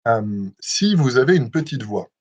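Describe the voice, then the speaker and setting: A young man with a breathy, slightly husky voice leads a live self-hypnosis session at a middle pitch. He talks gently, with frequent hesitations and restarts. The sound is muffled and lo-fi, like a webcam livestream. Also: sing-song. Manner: gentle, measured, with many hesitations. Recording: dull lo-fi livestream audio.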